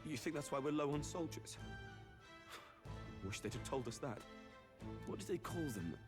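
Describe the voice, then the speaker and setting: An actor playing an uneasy army recruit gossiping in a hushed voice in a video game. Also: male voice, on the high side, animated, moderate pace, natural voice. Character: gossiping male army recruit, uneasy about monster sightings. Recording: game audio under clear music.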